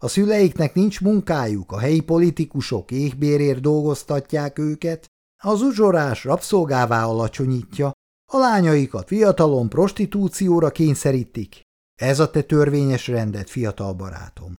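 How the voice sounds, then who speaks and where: A man's voice: on the high side, animated, dark tone, pitched above the performer's own voice, natural voice. A man reading the part of a cool-headed militia leader who talks to a prisoner in a dry, teasing, lecturing way. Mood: cool mocking.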